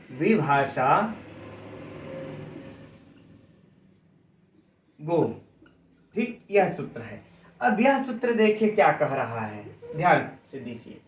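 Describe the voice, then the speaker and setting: A man's voice: high voice, sing-song, unhurried, fairly bright tone, reverberant. A man teaching a grammar lesson in exam-coaching style. He explains step by step, often calls the students friends and quizzes them.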